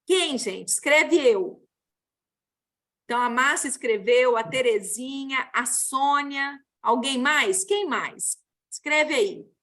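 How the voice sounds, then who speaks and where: A woman with a Brazilian Portuguese accent leading an online support group, explaining gently and calling on participants over a video call. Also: sits high, lively intonation, takes it slowly. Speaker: group facilitator.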